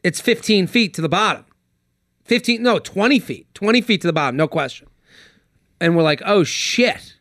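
A man, a comedian guest on a podcast, telling a story in casual chat, animated and swearing freely. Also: high-pitched, a little fast, pauses often, no room sound, studio quality.

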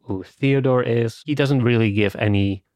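A man's voice: mid-range voice, moderate pace, a little mellow, dry recording. A man co-hosting a film podcast, talking things through in a casual, conversational way with a lot of "you know" and "like.". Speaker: podcast co-host.

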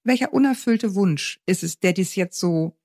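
A woman's voice: medium pitch, expressive, moderate pace, a little mellow, dry recording, clean studio sound. A woman co-hosting a parenting podcast, engaged and agreeing often while she sums up a listener's letter. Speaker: podcast co-host giving parenting advice. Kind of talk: casual advice chat.

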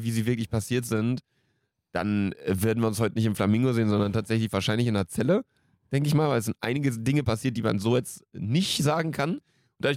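A podcast co-host in his late twenties trades casual, slangy, jokey banter. His medium-pitched voice has a darkish tone, recorded clean in a studio with no room sound.

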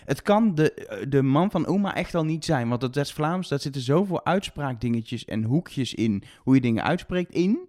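Brabant man with lively intonation. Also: a little high, moderate pace, few pauses. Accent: Brabant Dutch, soft g. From Brabant, Netherlands. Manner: analytical, hesitant with many fillers. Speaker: podcast co-host. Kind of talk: casual chat.

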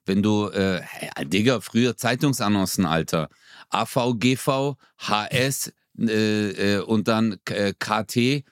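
A man's voice: lowish voice, unhurried, hardly any pauses, no echo. Young guy, slangy jokey podcast chat, dry close mic. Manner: joking, slangy, animated storytelling. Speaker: podcast co-host. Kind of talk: casual comedy chat.

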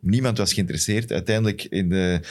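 Low-voiced Flemish man hosting casually. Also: a little fast. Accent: Flemish Belgian. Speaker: football podcast host. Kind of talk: casual football chat.

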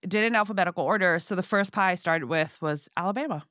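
Chatty woman guest, low dry voice. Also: quick pace, a bit bright, no echo. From Singapore and Hong Kong. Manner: chatty, frequent fillers, laughs easily. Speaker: guest, pie baker. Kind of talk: casual interview chat.

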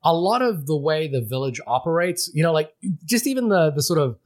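A man's voice: fairly high pitch, big pitch swings, fairly quick. A man from Fiji, a podcast co-host, talking through a film in casual, rambling chat full of restarts and fillers.

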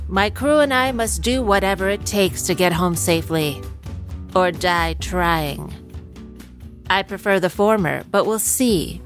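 Woman as Captain Janeway, low-voiced wry starship commander. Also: fairly bright tone. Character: wry, frazzled female starship captain turned podcast host. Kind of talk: comedic scripted promo monologue.

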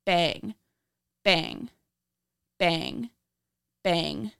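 A woman hosting a podcast, reading scripted true crime narration in a measured, dramatic storytelling manner. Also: fairly low pitch, creaky, a bit bright, clean tone, no room sound, studio quality. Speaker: podcast host.

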